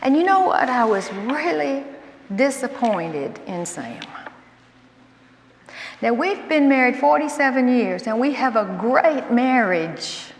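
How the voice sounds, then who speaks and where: A woman's voice: fairly high pitch, slow pace, slight background noise. Folksy Southern woman in an echoey hall. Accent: Southern American. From Alabama. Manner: folksy, animated storytelling. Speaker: Bible teacher. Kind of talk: storytelling talk. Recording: echoey hall with long reverb.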